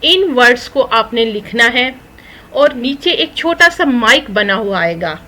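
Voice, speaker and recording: Bright-voiced woman teaching spoken English. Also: fairly high pitch, expressive, poor audio. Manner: reads English phrases slowly and explains them in Urdu; mixes English words into Urdu. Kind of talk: recorded spoken English lesson.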